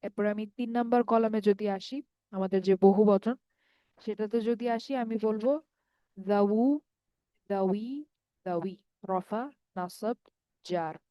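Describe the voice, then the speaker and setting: A woman's voice: medium pitch, steady tone, a little slow, pauses often, no echo, muffled recording. A woman from Bangladesh teaching an online Arabic grammar lesson, explaining patiently step by step and checking that students follow. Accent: Bangladeshi Bengali.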